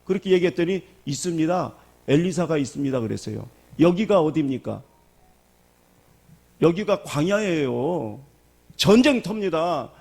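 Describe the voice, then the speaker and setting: A man's voice: on the high side, expressive, normal speed, gravelly, darkish tone. A middle-aged male pastor preaching a sermon in a church, asking the congregation questions as he goes. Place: church sanctuary.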